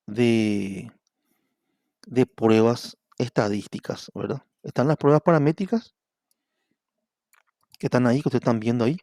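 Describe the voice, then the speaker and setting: A man's voice: medium pitch, dark tone, no room sound, studio quality. A middle-aged man with a Paraguayan Spanish accent giving an online university lecture, explaining step by step and checking in with his students. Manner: explanatory, repeatedly asks "¿verdad?".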